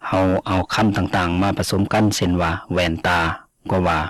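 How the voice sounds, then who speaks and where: A man presenting a scripted radio talk, reading slowly and measuredly and pausing on spoken examples. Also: low-pitched, flat delivery, a bit bright.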